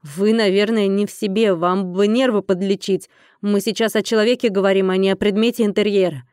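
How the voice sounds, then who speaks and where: A woman doing a calm, firm young man. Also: mid-range voice, brisk, clear, resonant tone, dry recording, clean studio sound, natural voice. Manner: composed, firm.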